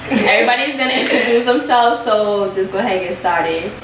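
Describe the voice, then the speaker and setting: A young adult woman hosting a casual group chat, talking in an animated way and often laughing. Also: fairly high pitch, moderate pace, slight background noise. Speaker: vlog host. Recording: echoey room from a distant mic.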